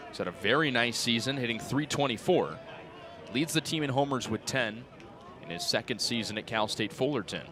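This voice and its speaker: Broadcasting baseball play-by-play on radio from an outdoor ballpark, a man in his twenties uses a mid-range voice with lively intonation and a moderate pace. Crowd noise and music from the stadium can be heard behind him.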